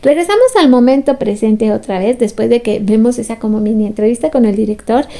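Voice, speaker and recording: A woman talks through a show recap in a casual, chatty way. Her voice sits a little high but sounds warm and mellow. She comes across as sympathetic, and she laughs easily. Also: brisk. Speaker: fan recap commentator.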